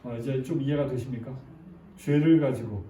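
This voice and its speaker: A man's voice: medium pitch, moderate pace, dark tone, slight background noise. A man preaching a sermon, often asking the congregation questions and acting out prayers in their voice. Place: church sanctuary. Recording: echoey church recorded from a distance.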